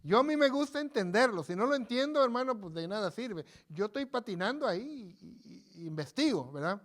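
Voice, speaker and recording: Man, pastor, high voice, informal live sermon, folksy, repetitive, bantering, church. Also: sing-song, brisk. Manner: folksy, repeats himself, banters with congregation. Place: church sanctuary.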